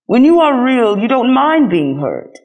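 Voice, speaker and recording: A wise old toy horse from a children's storybook, read by a woman. It explains things patiently and gently. The manner is truthful and kindly. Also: a little high, very animated, a little slow, voice pushed up. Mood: tender. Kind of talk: storybook character voice.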